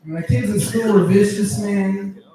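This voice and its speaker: A man's voice: high voice, steady tone, measured pace, dark tone. A man doing a crude, profanity-heavy stand-up set on a club stage, chuckling at his own jokes. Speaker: stand-up comedian. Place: comedy club stage with audience. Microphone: handheld stage mic. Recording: echoey room, mic picked up from a distance.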